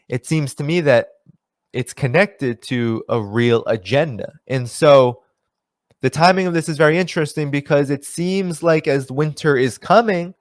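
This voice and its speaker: A man's voice: medium pitch, no echo, clean studio sound. A man hosting a solo political commentary stream, reading news aloud and talking it over in a conversational way, with fillers and restarts.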